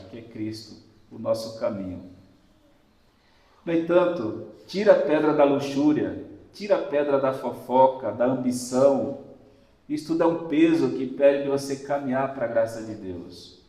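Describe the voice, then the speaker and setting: Brazilian priest preaching in echoey church. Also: male voice, mid-range voice, lively intonation, normal speed, mellow, distant mic. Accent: Brazilian Portuguese. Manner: emphatic, repetitive exhortation addressing listeners directly. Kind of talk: Sunday homily.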